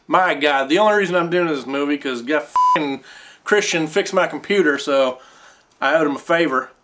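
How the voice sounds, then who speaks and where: A man's voice: on the high side, normal speed, pushed and bright, a little hiss or hum. A young man playing a brash, foul-mouthed actor who grumbles about the shoot in a comedy. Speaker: actor on the set. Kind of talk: comedic improvised mockumentary.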